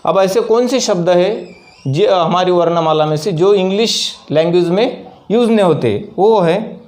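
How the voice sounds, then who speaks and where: A man gives a spoken English lesson in a fairly high voice. He talks slowly and deliberately, spelling out each example sentence. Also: darkish tone. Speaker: English teacher.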